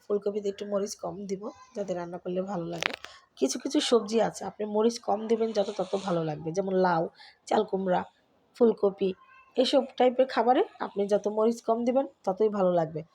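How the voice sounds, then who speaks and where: A middle-aged woman from Bangladesh, chatting casually to viewers while she cooks and cleans at home. She has a cold and keeps her voice soft. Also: medium pitch, fairly quick, a little hiss or hum. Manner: chatty, talks to viewers while doing chores. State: has a cold, speaks softly. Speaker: vlogger. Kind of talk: casual cooking and home vlog narration. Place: home kitchen.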